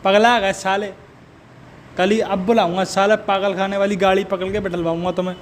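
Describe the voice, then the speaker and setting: A man's voice: high-pitched, little pitch movement, moderate pace, a little hiss or hum. A man delivering a profane, mocking comedic rant. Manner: abusive, mocking rant with frequent swearing. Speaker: comedic roaster.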